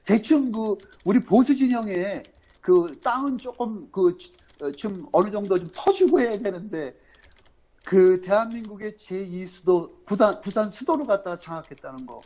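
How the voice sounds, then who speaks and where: A man from Incheon hosting a political livestream, talking in a rambling, halting way full of fillers and emphatic rhetorical questions. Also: high-pitched, expressive, mellow. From Incheon, South Korea. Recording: dull lo-fi audio.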